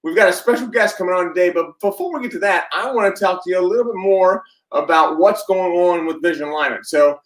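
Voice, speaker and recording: High-voiced upbeat male host. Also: fast, few pauses, fairly bright tone, reverberant, rough recording. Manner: upbeat, welcoming. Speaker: show host. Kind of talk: hosting an online show.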